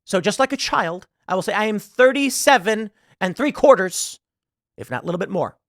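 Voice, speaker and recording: A man, talking through political news in a solo commentary, animated and sarcastic. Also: high voice, normal speed, no echo, studio quality. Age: 30s. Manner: animated, sarcastic, mocking quoted voices.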